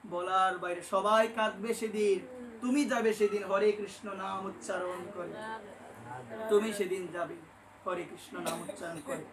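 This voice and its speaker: A man's voice: high-pitched, pushed and bright, a little hiss or hum. A man preaching a devotional sermon, impassioned and telling stories, often rising to emphatic peaks and calling his listeners mother. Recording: echoey room with faint ambience.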